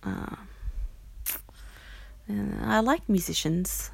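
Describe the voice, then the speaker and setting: A woman podcast host recording a casual, confessional audio diary in a halting, reflective and sometimes playfully theatrical way, her breathy voice often trailing into a near-whisper. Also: mid-range voice, animated, no room sound. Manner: reflective, halting, with pauses and sighs.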